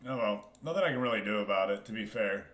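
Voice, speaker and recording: In a lowish, expressive voice with a bit of brightness, a man talks fast while hosting a gaming livestream for his online football management league. He chats and comments casually, speaking straight to his group, and the audio is echoey and roomy.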